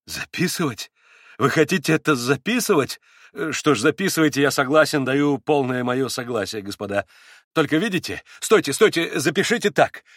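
A man reading aloud and voicing an agitated young man under questioning who talks fast, nervously and effusively. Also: a little high, no room sound, studio quality, natural voice. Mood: excited.

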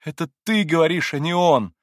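A man voicing a gentle, compassionate young man in an audiobook, earnest and pleading, with a husky voice. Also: mid-range voice, normal speed, no room sound, studio quality, natural voice.

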